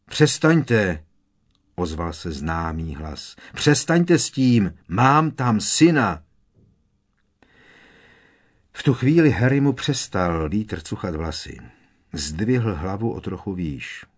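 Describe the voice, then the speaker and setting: A man reading a fantasy novel aloud as an audiobook narrator, in a steady storytelling manner. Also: fairly low pitch. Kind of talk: scripted narration.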